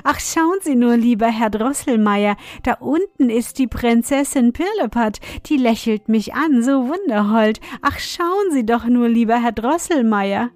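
A woman's voice: a little high, measured pace, few pauses, no echo. Woman doing an eager little girl. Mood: delighted. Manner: excited, pleading.

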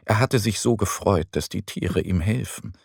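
A man narrating a children's audio story in a gentle, expressive way. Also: on the low side, normal speed, gravelly, breathy edge, no echo, studio quality.

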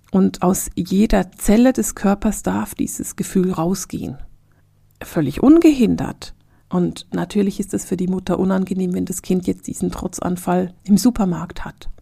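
A woman hosting a reflective podcast monologue, speaking straight to the listener and often dropping into soft, whispery phrases. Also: medium pitch, gravelly, husky, no room sound, clean studio sound. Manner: addresses the listener directly as "du". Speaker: podcast host.

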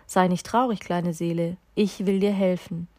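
A woman voicing a kind, loving soul in a storybook reading, speaking quietly and low, half in a whisper. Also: steady tone, normal speed, no room sound, lightly acted.

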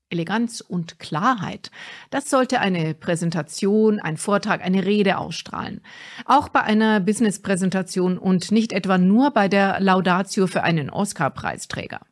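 A middle-aged woman, a speaking coach, giving a clear and deliberate instructive talk from a script. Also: medium pitch. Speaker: speaking coach and podcast host.

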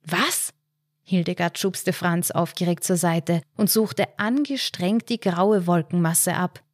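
A woman narrates a short story in a measured, clear read-aloud manner. Her voice sits on the lower side. The sound is close and completely dry. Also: darkish tone, no room sound. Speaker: podcast host and author.

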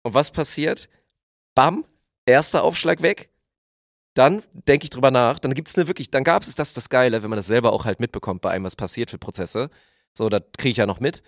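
A man in casual chat, telling his own sports story in a lively, self-mocking way. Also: mid-range voice, brisk, no room sound, clean studio sound. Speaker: guest athlete.

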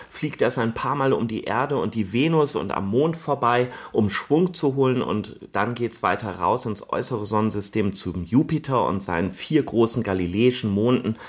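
A man speaking as an astronomy expert, explaining science to children in plain, explanatory words. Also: on the low side.

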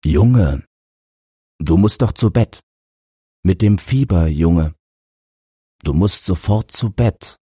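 A man playing a gentle, helpless father who talks in a soothing, apologetic way. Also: sits low, expressive, slow, pauses often, husky, dry recording, studio quality, pitched above the performer's own voice, full character voice. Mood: urging.

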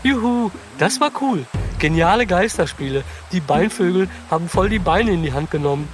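A man's voice: sits high, animated, moderate pace, slight background noise. A man voicing a cheerful, eager young male horse in a children's audio story, talking in a bouncy, silly way. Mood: excited.

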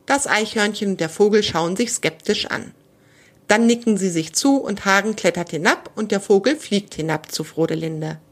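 A woman narrating a children's story with a lively, expressive reading. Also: mid-range voice, moderate pace.

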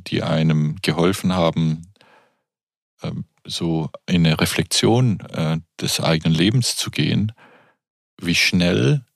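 A man's voice: deep voice, creaky, no room sound, studio quality. A man in his fifties hosting a podcast, talking reflectively and often searching for words with fillers. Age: 50s. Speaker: podcast host. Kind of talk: reflective conversation.

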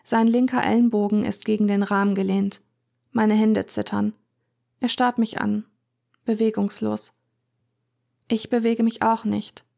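A woman narrating a first-person story in a measured, tense way. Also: medium pitch, level tone, creaky, warm tone. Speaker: audiobook narrator.

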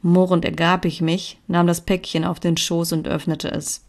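A woman reading her own story aloud in an even, clear storytelling manner. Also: on the low side, normal speed. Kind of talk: scripted narration.

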